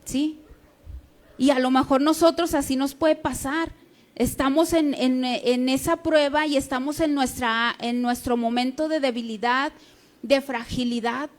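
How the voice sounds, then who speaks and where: A woman's voice: high-pitched, steady tone, measured pace. A woman preaching a sermon, in a conversational teaching manner that keeps checking in with the congregation.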